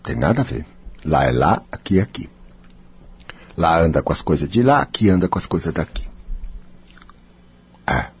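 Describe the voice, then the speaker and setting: A man's voice: big pitch swings, moderate pace, pauses often, slightly rough. A man giving a guided self-help talk, dramatic, playing out inner voices. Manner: dramatic, acts out inner voices, swings high and low.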